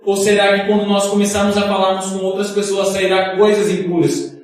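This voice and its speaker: A high-pitched man preaches a sermon, calling his listeners brothers and pressing them with questions. His voice rings through a very echoey hall, heard from a distance away from the mic, and he leads the congregation in call-and-response. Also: completely flat delivery, fairly quick. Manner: addresses listeners as brothers, asks pointed questions. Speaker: evangelist preaching. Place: church hall. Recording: very echoey hall, picked up from far off.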